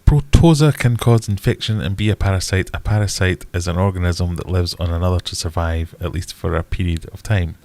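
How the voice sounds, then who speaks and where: Middle-aged British man, low-pitched and stuffed-up nose, blunt and wry livestream host, loose conversational delivery. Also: a little fast, few pauses, a little mellow. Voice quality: bunged-up, congested nasal voice. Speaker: livestream host answering viewer questions. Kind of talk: casual livestream chat.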